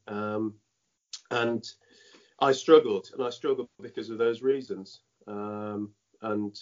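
As a guest in a reflective interview, a fairly low-pitched former cricketer tells his story; he grew up in Dominica and first spoke Dominican French patois. His delivery is halting, looping back often with restarts and plenty of "you know." A dull, lo-fi sound makes it seem recorded over a muffled line.

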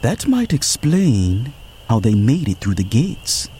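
A man's voice: medium pitch, sing-song, slow pace, mellow, a little hiss or hum. An actor playing a fussy, formal man fleeing on foot at night, speaking in precise, proper phrases. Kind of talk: audio drama acting.

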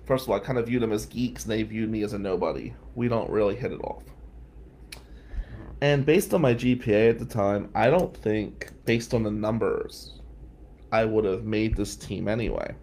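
A man's voice: lowish voice, normal speed, a little mellow, slight background noise. A middle-aged man from New Jersey hosting a live stream, telling a rambling story with many tangents. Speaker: host.

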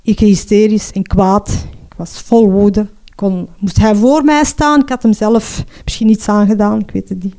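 Warm-voiced Flemish mother, halting speech. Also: medium pitch. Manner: halting, emotional, frequent restarts and tag "hè". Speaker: mother telling her own story. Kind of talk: personal testimony.

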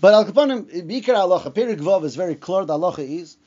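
A man's voice: high voice, animated, fast talker, mellow, muffled recording. A man with a Yiddish-influenced accent giving an informal religious lesson, reading and explaining texts, posing questions and answering them. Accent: Yiddish-influenced English. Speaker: religious teacher.

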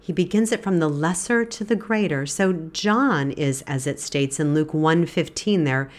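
A woman in her fifties hosts a devotional Bible podcast, teaching in an earnest, gentle way at a measured pace. Her voice is low and congested, stuffy from a head cold, and she clears her throat now and then.

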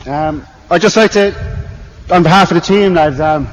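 A young Irish man, a team captain, giving a halting off-the-cuff victory speech, saying "lads" constantly. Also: on the high side, dull audio. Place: outdoor sports ground. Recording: public address echo, faint background noise.

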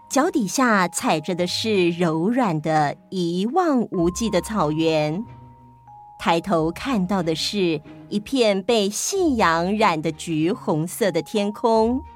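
Slow, gentle woman storyteller. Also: mid-range voice, lively intonation, faint music behind. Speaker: stand-in host, storyteller. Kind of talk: children's story narration.

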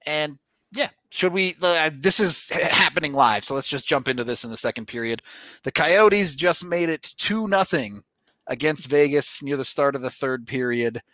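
A man's voice: on the high side, normal speed, pushed and bright, no room sound. Casual American man hosting, dry close sound. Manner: informal, chatty. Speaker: sports podcast host. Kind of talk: casual sports talk and ad reads.

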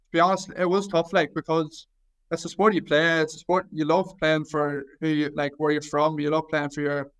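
A man in his twenties with a Northern Irish accent from County Down. His voice is smooth and a little high for a man, with a fairly flat melody. He talks casually as an athlete being interviewed, modest and hesitant, often restarting and repeating his words. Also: moderate pace, rough recording. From County Down, Northern Ireland. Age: 20s. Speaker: Gaelic football goalkeeper trying out as American football kicker.

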